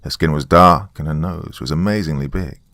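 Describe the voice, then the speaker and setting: A very deep-voiced man tells a dramatic story in the first person, deliberate and folksy in his delivery. His tone is bright and forceful, and the recording is dry and close-miked.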